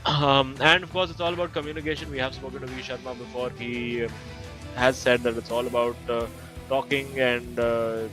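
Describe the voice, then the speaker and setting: A man's voice: medium pitch, flat delivery, moderate pace, poor audio. Esports co-commentator, male, rambling analytical chat over faint music. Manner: chatty, many fillers and restarts.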